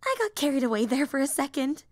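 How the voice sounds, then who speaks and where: A woman plays a high-pitched, excitable young superhero in an anime-style audio drama, speaking at a quick pace. Her character is a nerdy, earnest, enthusiastic rambler who gets flustered, apologizes, and cuts herself off. The recording is dry and close, with no room sound.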